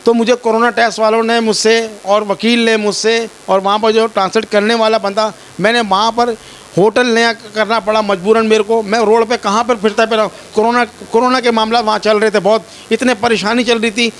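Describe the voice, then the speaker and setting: A man's voice: high-pitched, flat delivery, fairly quick, a bit bright, a little hiss or hum. A man from Pakistan telling his ordeal to a reporter, distressed and pleading, often repeating himself. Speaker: complainant telling his story. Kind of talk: personal account to a reporter.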